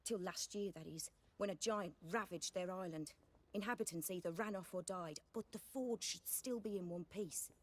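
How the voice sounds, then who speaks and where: A woman's voice: fairly low pitch, moderate pace, close to an everyday voice. A woman as a blunt, stubborn young helper. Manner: blunt, matter-of-fact. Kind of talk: video game dialogue.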